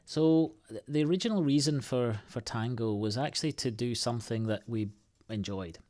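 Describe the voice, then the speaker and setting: A man from the United Kingdom, a guest on an interview show, answering in a halting, thoughtful way with many restarts and fillers. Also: mid-range voice, darkish tone. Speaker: podcast guest, IT consultancy co-founder.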